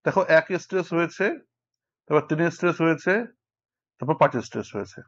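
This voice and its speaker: A man's voice: on the high side, animated, fast. Bengali-speaking male teacher, lo-fi sound. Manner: counts syllables aloud while explaining. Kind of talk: explanatory lesson. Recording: dull lo-fi recording.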